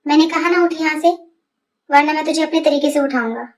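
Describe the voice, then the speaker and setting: A woman's voice: high voice, a little fast, heavy background noise, natural voice. A woman voicing a jealous, hot-tempered young college man who speaks angrily and makes threats. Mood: threatening. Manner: angry, threatening. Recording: distant voice over loud music.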